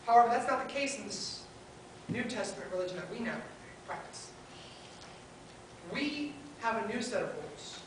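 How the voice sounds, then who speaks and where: A woman preaches a sermon into a pulpit microphone, earnestly building her points in short listed phrases. Her voice is fairly high and expressive, moving at a moderate pace with frequent pauses. She is heard from far off in a very echoey hall, with faint hiss.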